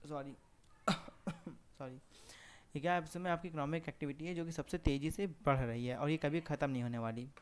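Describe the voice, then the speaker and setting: A man's voice: fairly high pitch, steady tone, normal speed, a little hiss or hum. A young Indian man giving a classroom lecture, talking conversationally, correcting himself and asking rhetorical questions. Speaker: teacher. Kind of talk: classroom lecture mixing Hindi and English.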